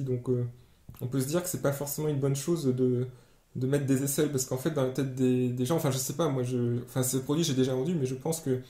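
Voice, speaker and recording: A man giving a screen-share tutorial as an online sales trainer, explaining step by step and pausing often on fillers. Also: medium pitch, dark tone. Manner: explanatory, hesitant with many fillers. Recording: roomy echo.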